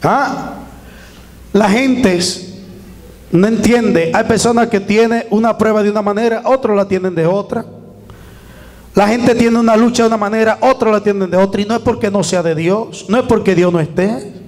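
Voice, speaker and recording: A male pastor with a high-pitched voice preaching fervently to a congregation, calling out for amens and applause. His words ring through a church hall with a long, lingering reverb that trails after each phrase. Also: normal speed, darkish tone. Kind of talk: sermon.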